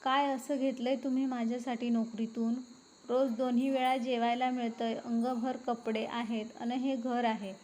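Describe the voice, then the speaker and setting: A bitter young wife with a scornful, reproachful voice, as a woman reader plays her. Her tone stays sharp and resentful. The voice is slightly high. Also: flat delivery, moderate pace, slight background noise, natural voice.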